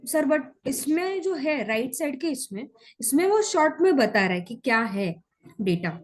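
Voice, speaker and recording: A woman's voice: high voice, sing-song, a little slow. A woman student in an online class, politely asking the teacher questions and calling him sir.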